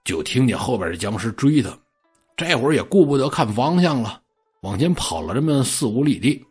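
A man narrates a spooky tale in a lively, colloquial storyteller style. His voice is husky, and his pitch rises and falls animatedly. Soft music plays faintly underneath. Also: brisk. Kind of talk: oral ghost-story telling.

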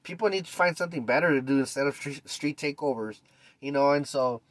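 A man's voice: fairly high pitch, brisk, fairly bright tone, dry recording. A man hosting a podcast, talking in a casual monologue that turns into fired-up rants full of "you know.". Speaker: podcast host.

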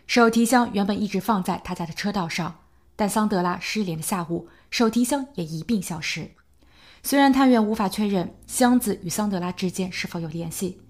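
A woman narrating a true crime podcast in a measured storytelling voice, building suspense as she goes. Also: mid-range voice. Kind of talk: scripted narration.

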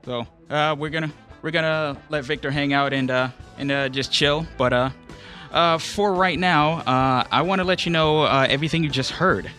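Bright-voiced man hosting casual unscripted radio. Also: on the high side. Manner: natural unscripted talk, halting and informal. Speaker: radio show host. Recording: music playing under the voice. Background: background music.

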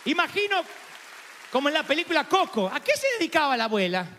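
Animated Argentine preacher man in a hall. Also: extremely high pitch, quick pace, a faint crowd, a little hiss or hum. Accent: Argentine Spanish. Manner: animated, acts out dialogue and prayers. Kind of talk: storytelling sermon.

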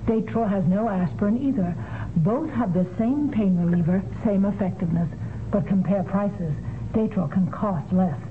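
An actress playing a sensible working homemaker in a scripted radio commercial testimonial. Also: female voice, mid-range voice, normal speed, natural voice. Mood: matter-of-fact. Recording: dull, faintly noisy radio recording.

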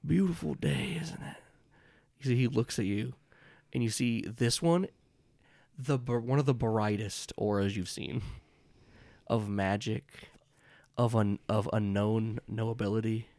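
A man working as game master, improvising tabletop narration in a casual, halting, descriptive way. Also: fairly low pitch, steady tone, a little mellow, dry recording. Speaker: game master and podcast host.

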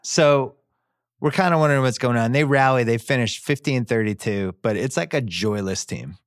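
A man talks through sports memories in a loose, animated podcast chat. His voice sits in an ordinary middle pitch. Wry asides break up the stories. The sound is close and dry, as in a small studio. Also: moderate pace, no echo. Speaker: podcast host.

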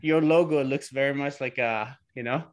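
A man's voice: mid-range voice, normal speed. Chatty Italian-born man as podcast guest. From Sardinia, Italy. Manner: chatty, with many restarts and fillers. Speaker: podcast guest, real estate entrepreneur. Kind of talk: casual interview chat.

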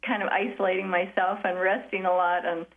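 A woman caller comes through on a radio show over a narrow, tinny phone line. Her voice sits at an ordinary middle pitch. She talks in a soft, thoughtful way with a touch of wryness. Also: level tone, brisk. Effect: caller heard over a phone line.

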